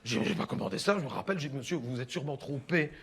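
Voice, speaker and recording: A man's voice: medium pitch, lively intonation, very fast, natural voice. A man performing a chatty, gossiping middle-aged mother with a Belgian French accent, in a rambling stand-up monologue. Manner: rambling, gossipy, confiding, full of "hein" and "écoute bien". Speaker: stand-up comedian in character.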